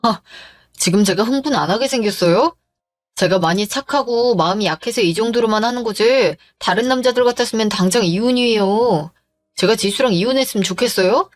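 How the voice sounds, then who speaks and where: A woman's voice: a little high, brisk, soft background music, close to an everyday voice. A woman voicing a crude, jealous husband who accuses his wife and bullies her, in a dramatized story. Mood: indignant.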